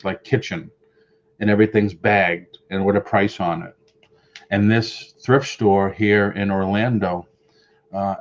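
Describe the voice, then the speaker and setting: In a home room full of collectible-filled shelves, a middle-aged Boston-area man with a matching accent live-streams, chatting loosely and replying to viewer comments. The sound is lo-fi, and his voice is lowish with a darkish tone.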